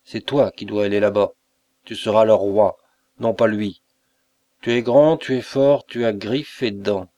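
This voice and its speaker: A man's voice: lowish voice, steady tone, a little slow, mellow, no room sound, highs cut off, close to an everyday voice. A man reading aloud and voicing a sly, cackling old beggar woman with a drawling, nasal tone, as in a spoken storybook. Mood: prophetic. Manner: mocking, ominous.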